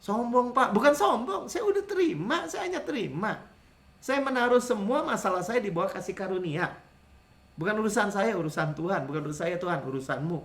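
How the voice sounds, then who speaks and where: A man preaching a sermon as pastor, in a lively conversational way, acting out other people's voices. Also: high voice, fairly quick.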